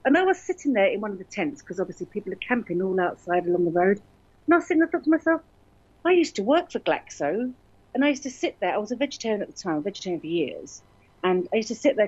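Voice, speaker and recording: A middle-aged woman talks in a chatty, rambling way, her voice husky and a little low. The sound is dry and close but slightly muffled. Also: a little mellow, dry recording. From born in Berlin, grew up in London. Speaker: radio station founder, guest. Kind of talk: casual interview talk.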